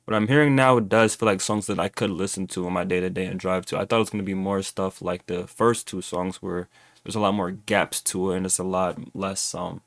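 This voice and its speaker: A man's voice: low-pitched, no echo, studio quality. A young man hosting a music reaction video, talking loosely and thinking aloud with lots of fillers. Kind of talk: casual album reaction commentary.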